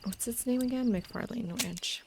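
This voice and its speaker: A woman's voice: fairly high pitch, a little slow, noisy background. A woman chatting casually as she streams a video game, reacting aloud and answering viewers. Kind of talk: casual livestream gameplay chat. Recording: loud game music and horse sounds behind. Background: western video game music, hoofbeats, animal sounds.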